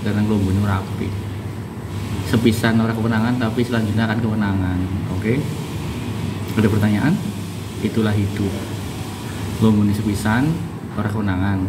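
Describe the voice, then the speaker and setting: In his thirties and speaking with a Javanese accent and a lowish voice, this vlogger chats through a casual unboxing, adding preachy asides and laughing a lot. He films on a phone held at arm's length in a small bare-walled room, so the audio is echoey, distant and carries background noise.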